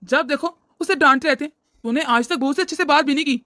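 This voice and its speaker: Reproachful cartoon dad, woman voicing, high bright voice, dry recording. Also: fast talker, no echo. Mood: scolding. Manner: lecturing, reproachful. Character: stern scolding older father-in-law, man. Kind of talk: cartoon voice acting.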